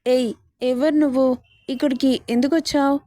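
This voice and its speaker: A woman's voice: high voice, steady tone, normal speed, dark tone, no echo, clean studio sound, natural voice. A woman voicing a naive, heartbroken young female student in a spoken story, pleading. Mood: childlike. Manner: pleading, later childlike.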